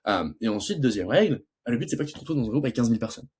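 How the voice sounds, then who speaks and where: Young guy coaching sales, talks super fast, kinda husky, stumbles over words, plays out the calls himself. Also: mid-range voice, expressive, a little mellow. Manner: stutters and restarts often; acts out both sides of a sales call. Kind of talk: casual teaching monologue.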